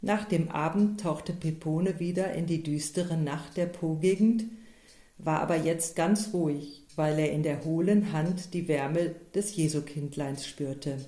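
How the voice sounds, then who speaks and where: A woman narrating a story aloud, slow and calm, with a low, mellow voice. Her reading is measured and unhurried. The room adds a clear echo around her voice. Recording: roomy echo.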